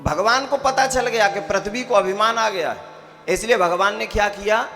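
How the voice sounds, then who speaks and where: A man's voice: high voice, normal speed, vocal fry, bright, forceful tone. A man giving a devotional sermon as a preacher. He explains with rhetorical questions and breaks into chanted verses. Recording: long hall reverb with faint music.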